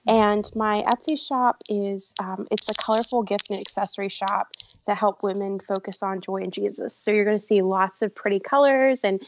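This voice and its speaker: A woman's voice: mid-range voice, steady tone, normal speed, highs cut off. A woman from Japan, a shop owner and guest on a podcast, telling her story in a friendly way and laughing often. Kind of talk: casual interview chat.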